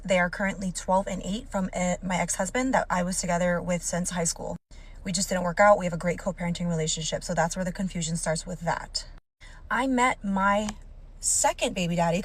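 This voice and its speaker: A woman from Hawaii telling her own story in a candid, blunt way, swearing casually as she goes. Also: lowish voice. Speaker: storytime TikTok creator.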